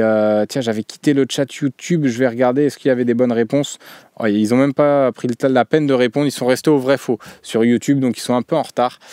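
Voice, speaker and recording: A man's voice: medium pitch, darkish tone, dry recording, studio quality. A man hosting a live show about a football club, chatting casually with many fillers and restarts. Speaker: show host.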